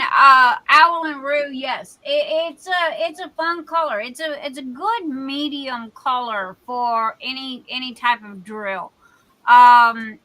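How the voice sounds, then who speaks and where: A woman in her sixties chats casually on a livestream from her home, rambling from one thought to the next. Her voice sits a little high and sounds bright and sharp. She talks slowly and takes her time. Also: poor audio. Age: 60s. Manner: chatty and rambling, often drifting off topic. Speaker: livestream host and craft shop owner.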